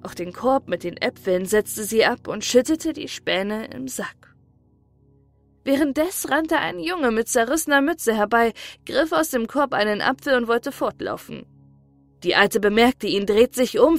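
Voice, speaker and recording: Calm woman reading an audiobook. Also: fairly high pitch, a little slow, no echo, faint music behind. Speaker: narrator. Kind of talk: audiobook narration of a classic story.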